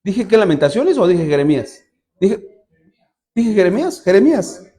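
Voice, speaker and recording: Male pastor preaching in church, a raised, warm voice with lots of swing, talks straight to the congregation. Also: high voice, normal speed. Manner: lively storytelling, addresses the congregation directly. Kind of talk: sermon with Bible reading.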